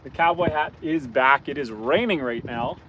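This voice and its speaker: A Canadian outdoors channel host, an adult father of young kids, chats casually on a livestream while fishing from a boat on a rainy lake. His mid-range voice is hoarse and he's losing it, but he stays easygoing and chatty at a normal speed, greeting viewers by name. The outdoor stream is windy, with wind and the boat motor in the background.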